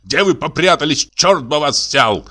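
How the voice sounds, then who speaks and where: A man reading the part of a wealthy, pampered, hot-tempered gentleman who shrieks his lines. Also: very animated, normal speed, faint music behind. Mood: shouting at servant. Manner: shrill, shrieking outbursts.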